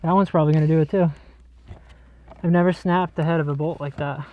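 A man's voice: a little high, fairly even intonation, fast talker, narrow, tinny audio. Man explaining wiring in a basement. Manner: casual, explanatory, joking. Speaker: electrician host. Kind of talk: explaining on-the-job wiring to camera. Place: cramped basement crawl space.

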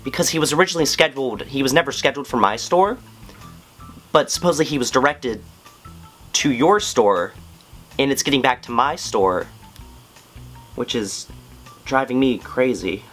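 A man's voice: mid-range voice, animated, normal speed, pauses often, fairly bright tone, faint music behind, natural voice. A man playing a flustered female store leader on a prank call, hesitant and rambling as he makes excuses.

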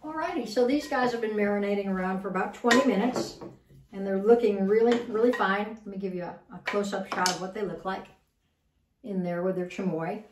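A woman's voice: medium pitch, a little fast, background noise. A woman hosts a casual cooking demonstration, chatting along and repeating words as she works. She is heard from a distance in an echoey home kitchen. Dishes and pans clatter behind her. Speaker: cooking show host.

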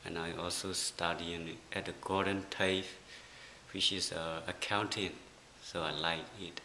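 A man's voice: deep voice, flat delivery, unhurried, pushed and bright. A young man from Burma introducing himself in simple, friendly sentences on camera. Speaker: volunteer and student. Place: indoor room, plain wall. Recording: roomy, faint hiss.

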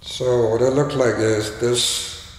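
A man giving a casual, unscripted do-it-yourself demonstration in a halting, tentative way, with a strong canyon-like echo in a bare room. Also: medium pitch, steady tone. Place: bare, echoey indoor room. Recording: strong echo, hollow reverberant room, faint noise.

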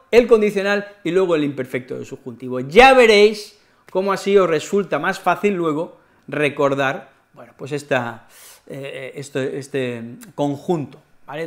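A man with a Spain accent teaching an online Spanish lesson in a chatty, playful way, often adding tag questions. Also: fairly high pitch.

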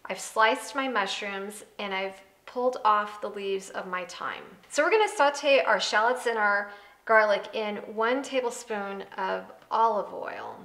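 With a mid-range, fairly bright voice and a measured pace, an American woman in her thirties talks viewers through a recipe step by step. It's an instructional cooking show segment set indoors in a home kitchen, and she keeps it conversational over background music.

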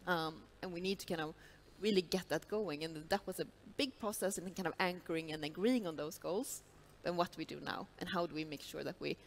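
A woman's voice: lowish voice, a little fast. A woman panelist on a large stage, speaking thoughtfully with a headset mic and many fillers like "kind of". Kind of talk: panel discussion.

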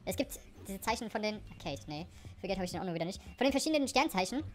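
A woman giving let's play commentary on a game, excitable, shrieking at danger, then dropping to low mutters, with English phrases sprinkled in. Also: racing, soft background music. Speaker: gaming YouTuber.

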